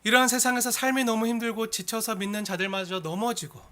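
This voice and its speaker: A male pastor with a very high, sharp, ringing voice delivers a sermon. He rises into loud, impassioned appeals, then drops to hushed, near-whispered asides. He keeps putting rhetorical questions to the congregation. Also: fairly even intonation, fast.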